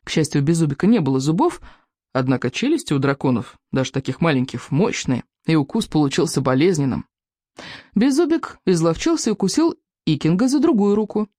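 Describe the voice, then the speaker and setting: An audiobook narrator reading with a lot of swing in the voice, climbing high at the exciting moments. The sound is dry and close, with no room heard around it. The delivery is that of expressive storybook telling. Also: fairly quick, no echo. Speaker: audiobook reader. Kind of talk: scripted narration.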